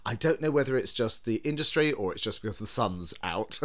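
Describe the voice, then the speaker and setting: A camp male podcast host with a theatrical drag-performer flair. His mid-range voice swings widely in pitch and keeps the talk animated. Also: brisk. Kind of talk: theatrical show introduction and casual chat.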